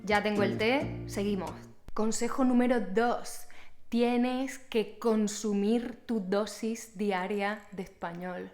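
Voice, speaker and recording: A young woman teaching a language, talking casually to camera and explaining each point clearly and patiently to the viewer. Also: medium pitch, fairly even intonation, slow, darkish tone, soft background music. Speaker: Spanish teacher.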